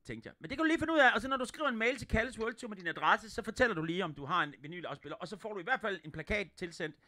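A man with a Jutlandic Danish accent, both musician and host of a livestream concert, trades joking banter between songs, rambling playfully and cursing freely. His high voice is expressive, bright, and forceful, captured in studio quality with no room sound.

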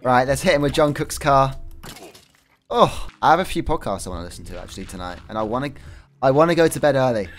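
A man's voice: mid-range voice, very animated, fast talker. A young man chatting casually while streaming a game, rambling, laughing often and swearing freely. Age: young adult. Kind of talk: casual gaming stream chat.

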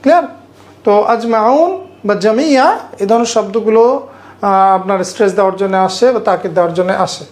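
A woman teaching an Arabic grammar class, reciting verses slowly and explaining them step by step while quizzing her students. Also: mid-range voice, a little mellow. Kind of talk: online class lecture.

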